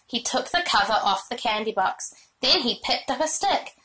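A woman reads a children's chapter book aloud, telling the story with expression. Her voice is bright and higher than usual. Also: lively intonation, moderate pace, slight background noise, poor audio. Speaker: reader.

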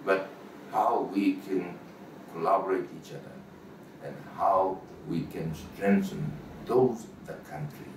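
An older man from Japan with a Japanese accent, giving a formal video address as a parliamentary chair, speaking in a measured, halting way with frequent pauses. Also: sits low. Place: indoor room before a banner. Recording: roomy, distant, noisy room sound.

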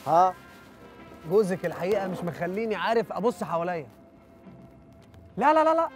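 Playful young egyptian guy in a tv drama, quick talker, high voice, faint music. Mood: complaining. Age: young adult. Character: glib, playful young man fibbing to his sister. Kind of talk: naturalistic TV drama acting. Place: outdoor café terrace.

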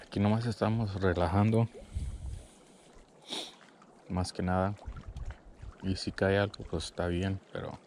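Low-voiced relaxed man on a lakeshore. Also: measured pace, long pauses. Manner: easygoing, chatty, addresses viewers as friends. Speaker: fishing vlogger. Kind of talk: casual vlog talk to viewers. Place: outdoors on a lakeshore. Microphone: body-worn action camera. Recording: outdoor lakeside background noise.

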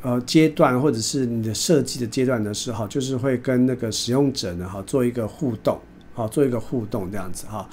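A man's voice: mid-range voice, darkish tone. A male lecturer with a Taiwanese Mandarin accent giving a recorded online lesson. He stops and restarts often, filling gaps with fillers and slipping English terms in. A faint hiss runs under the recording. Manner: halting, many fillers and repeated words; mixes English terms into speech. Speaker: university lecturer.

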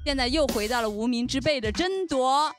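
High-pitched woman hosting, music behind. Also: animated, brisk. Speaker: host. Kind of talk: presenting a competition show. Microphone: handheld microphone.

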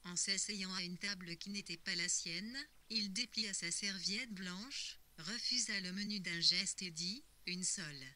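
Brief: female audiobook narrator, very bright tone, steady even read. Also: mid-range voice, a little slow. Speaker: reader.

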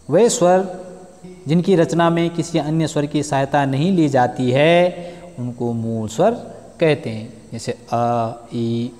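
A male school teacher going through a grammar lesson for his students, slowly drawing out each letter and sound as he recites them. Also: on the high side, dark tone, long reverb tail.

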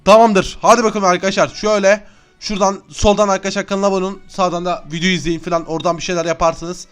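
Excitable young man playing a game. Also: high-pitched, fast, clear, resonant tone. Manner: excitable, chatty, often yells and laughs. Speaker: gaming YouTuber. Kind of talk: Minecraft let's-play commentary.

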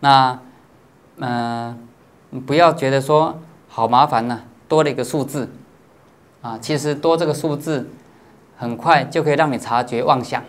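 Give me a male Buddhist teacher with a mid-range voice, patiently explaining a practice in a dharma lecture and often checking that his listeners follow. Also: mid-range voice. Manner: peppers phrases with drawn-out filler particles.

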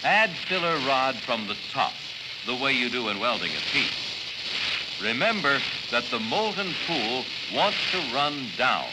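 Guy narrating an old training film, lively up and down, heavy hiss on the track. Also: mid-range voice, measured pace. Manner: steady, instructive, giving step-by-step directions. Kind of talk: scripted narration. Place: voice-over for an educational film. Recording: noisy old film soundtrack.

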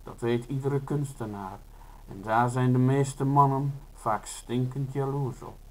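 A man reading his own first-person prose aloud, in a slow, measured and unhurried delivery. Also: mid-range voice, fairly even intonation, low-quality recording.

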